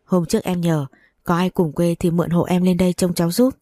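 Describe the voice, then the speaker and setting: A woman's voice: lowish voice, level tone, fairly quick, warm tone, no room sound, studio quality, natural voice. A woman voicing a nosy, blunt young neighbor asking questions. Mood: curious.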